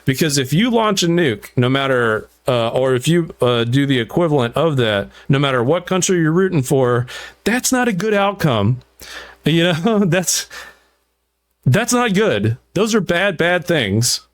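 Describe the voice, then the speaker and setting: A man hosting a podcast, talking at length about writing his song, animated and full of restarts. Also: a little high, unhurried. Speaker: podcast host and musician. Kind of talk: casual interview chat.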